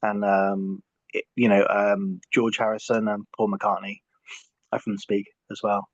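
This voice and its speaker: A man's voice: lowish voice, little pitch movement, a little slow, dry recording. A middle-aged man from England, talking as an interview guest in a hesitant way, often restarting and repeating words. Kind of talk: casual conversational interview. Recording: muffled, dry lo-fi audio.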